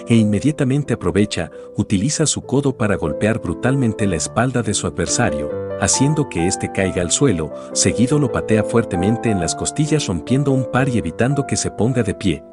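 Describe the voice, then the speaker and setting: Male storyteller, deep voice, dramatic measured fantasy narration over quiet music.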